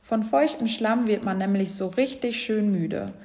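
A woman reading a children's storybook aloud in a gentle, clear voice. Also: medium pitch, measured pace.

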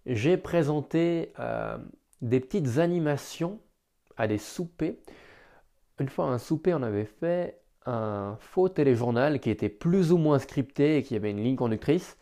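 A man's voice: mid-range voice, animated, measured pace, creaky, dark tone. Hesitant man, articulating carefully. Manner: hesitant, self-deprecating, thinking aloud. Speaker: amateur podcast host. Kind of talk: improvised solo podcast monologue.

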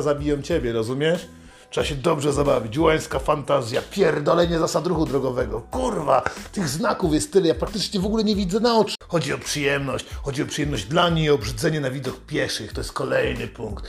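A man's voice: on the high side, creaky. A man delivering a satirical comedic rant in a swaggering, foul-mouthed manner.

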